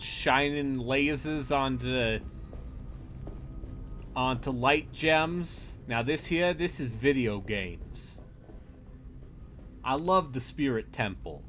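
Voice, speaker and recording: A man's voice: mid-range voice, a bit bright. A man hosting a game stream, chatting casually and joking in an offhand way. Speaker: streamer host. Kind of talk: casual chat while gaming.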